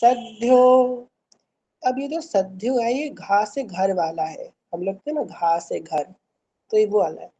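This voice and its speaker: A woman's voice: mid-range voice, unhurried, mellow, husky, poor audio. A woman teaching an online Sanskrit class, patiently reciting verses syllable by syllable and encouraging her students. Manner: encouraging and reassuring.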